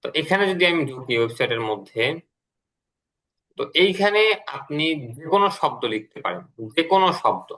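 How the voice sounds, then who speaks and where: A man teaching an English lesson to a student, patient and explanatory, repeating key words slowly. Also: a little high, big pitch swings, fairly bright tone.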